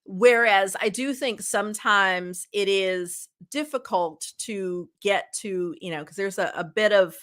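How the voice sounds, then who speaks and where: Bright-voiced woman podcast host. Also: medium pitch, measured pace, few pauses. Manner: chatty, many "you know" fillers, thinks aloud. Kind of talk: conversational interview hosting.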